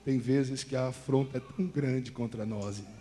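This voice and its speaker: A man's voice: mid-range voice, fairly even intonation, normal speed. Fervent preacher man, big hall reverb. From Brazil. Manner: fervent, swings from soft talk to shouting. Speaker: pastor. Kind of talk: Pentecostal sermon. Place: large church hall. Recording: church hall reverb with faint music.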